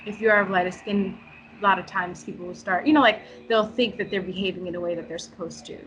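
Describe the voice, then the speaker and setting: A woman's voice: mid-range voice, steady tone, fast talker, a bit bright, low-quality recording. A woman from New York, a guest talking frankly and casually with lots of fillers. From New York, United States. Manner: frank and chatty, many fillers and restarts. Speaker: interview guest. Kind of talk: casual conversation.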